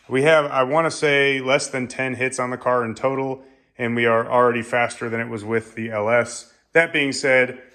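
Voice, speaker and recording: A man's voice: medium pitch, pushed and bright. A man hosting a casual car-build vlog, talking in a plainspoken, matter-of-fact way and running through part costs. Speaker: car builder and channel host.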